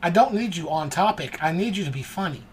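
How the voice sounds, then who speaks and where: A man hosting a casual podcast chat, talking low and very close to the microphone. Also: animated, fast, slight background noise. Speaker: podcast host. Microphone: close to the mic.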